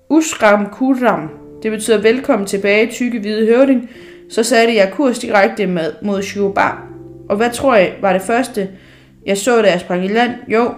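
A woman's voice: medium pitch, natural voice. A woman reading a storybook aloud, voicing a stout, boastful male sea captain who has become king of an island.

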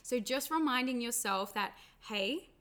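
A woman's voice: fairly high pitch, expressive, measured pace, a bit bright. A young woman talking casually as a coach, chatty and full of fillers, acting out inner voices. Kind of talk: casual motivational talk.

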